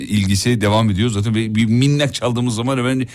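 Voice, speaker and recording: A man's voice: medium pitch, steady tone, brisk. A man hosting a radio show, chatting and teasing in an easygoing way. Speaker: radio host. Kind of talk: casual radio banter. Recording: loud pop music underneath. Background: music playing.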